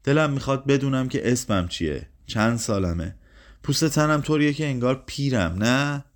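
A man reading a story aloud and voicing a distraught, confused elderly woman who shouts and pleads in a strained voice. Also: medium pitch, expressive, voice pushed up, natural voice. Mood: pleading.

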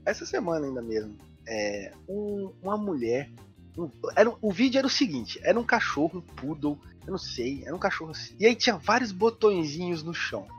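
A man hosting a podcast, telling animated stories in casual chat, swearing freely and acting out little voices. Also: sits high, brisk, faint music behind. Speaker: podcast host. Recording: dull lo-fi podcast audio.

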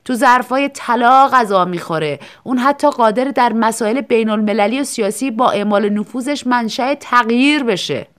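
A woman voicing a self-assured male painter who speaks in an unhurried, teasing way, in a storybook reading. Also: on the high side, fairly bright tone, pitched above the performer's own voice, lightly acted. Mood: amused calm.

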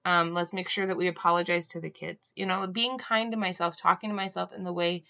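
A young woman talks through her thoughts on a solo podcast, earnest and searching, leaning on "um" and "right?" as she goes. Her voice sits a little low yet has a bright, forceful edge. Now and then she breaks off to cough. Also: steady tone, fairly quick, gravelly. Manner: earnest, musing, frequent "um" and "right?". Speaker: podcast host. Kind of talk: reflective solo podcast talk.

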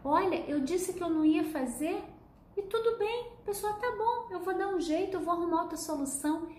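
A woman voicing a relieved, grateful client who excitedly tells of a success, in a room with noticeable echo. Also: extremely high pitch, fairly quick, voice pushed up. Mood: elated.

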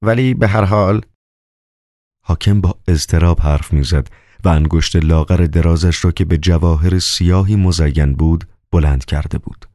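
Very deep-voiced male audiobook narrator. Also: steady tone, mellow, dry recording, clean studio sound. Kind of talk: scripted novel narration.

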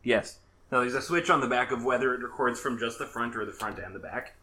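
A man from Minnesota hosts a casual podcast chat with a bright, forward tone. He talks chattily, full of quick asides and self-corrections. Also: medium pitch. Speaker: podcast host.

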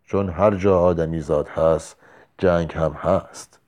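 A man reading the lines of a drunk, war-hardened soldier who talks slowly and heavily. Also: deep voice, steady tone, a little mellow, pitched below the performer's own voice, lightly acted. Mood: brooding. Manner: slow, heavy-tongued musing.

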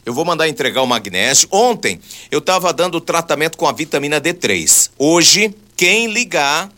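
A man giving a live radio sales pitch, persuasively listing benefits and urging listeners to call. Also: very animated, moderate pace, bright, forceful tone.

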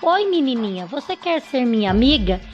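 A woman's voice: high-pitched, big pitch swings, normal speed, dull audio, music in the background. A woman voicing a friendly talking frog that keeps asking a little girl to be its friend. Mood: coaxing. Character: friendly hopping talking frog, lonely and persistent.

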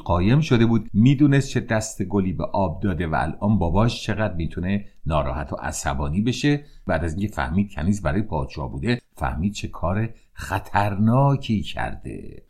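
A man retelling old tales in everyday speech with an expressive storyteller's delivery. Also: slightly rough. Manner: expressive, shifting pitch for characters.

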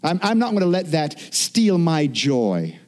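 A man's voice: fairly high pitch, huge pitch swings, measured pace, darkish tone. A middle-aged man preaching a sermon as pastor, earnest, often restarting and repeating words.

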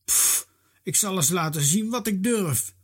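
A storyteller voicing a stubborn, bold little girl in a read-aloud children's story, with a husky, raised voice. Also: medium pitch, animated, pitched above the performer's own voice. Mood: defiant. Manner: defiant, quick-tempered.

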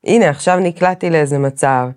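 A woman's voice: deep voice, darkish tone. A young woman interviewing a guest, chatting openly and confiding about her own life. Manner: open, candid, laughs easily, confiding. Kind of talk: casual personal chat.

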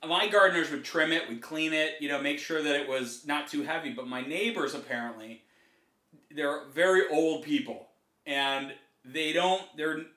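Middle-aged guy rambling thru a story on a comedy podcast, kinda high voice, echoey room. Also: moderate pace. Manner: rambling storyteller, animated, many restarts. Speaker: podcast co-host. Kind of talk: casual comedic chat. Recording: roomy echo.

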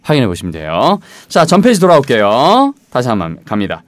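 Man, English teacher, animated delivery, pitch swings wide, dry studio voice. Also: a little fast, no room sound. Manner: animated, acts out story lines in a high voice. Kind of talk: bilingual English lesson.

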